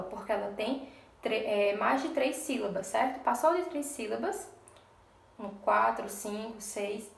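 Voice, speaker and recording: Gravelly teacher woman in an echoey room. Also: mid-range voice, recorded from a distance. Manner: patient, explains step by step, checks often with "tá?" and "ok?". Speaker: primary school teacher. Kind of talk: recorded remote class for young children.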